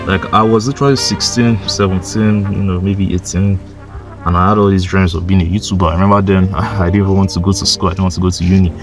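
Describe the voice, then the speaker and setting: This is a motivational YouTuber in his 20s, speaking in a low voice in a casual monologue. He gives blunt advice, swears, leans heavily on "like" and "bro," and insistently repeats points for emphasis.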